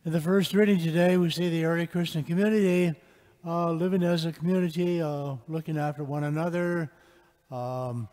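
A man's voice: on the high side, steady tone, moderate pace, a little mellow. Man preaching in long church reverb. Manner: conversational preaching with frequent fillers. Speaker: priest. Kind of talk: chanting the acclamation and preaching a homily. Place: large church.

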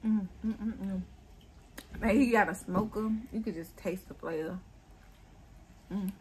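A woman's voice: mid-range voice, measured pace, slight background noise. A young woman, hosting an eating show, chatting casually to viewers and humming with pleasure while talking with her mouth full. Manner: savoring, humming with pleasure between bites. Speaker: mukbang host.

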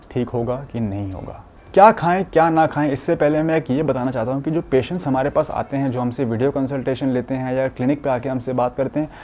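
Speaking to camera from an indoor studio room furnished with curtains, a young Indian doctor gives an explanatory health talk. He's earnest and mixes English medical terms into his speech, with a mellow, mid-range voice.

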